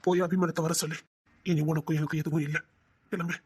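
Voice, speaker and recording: A man with a Tirunelveli Tamil accent playing an older man on duty, a gruff yet tender lover who stammers. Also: on the high side, flat delivery, fast, heavy background noise, natural voice. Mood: cold, curt. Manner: stammers, turns from cold to tender. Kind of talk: romantic short-drama acting.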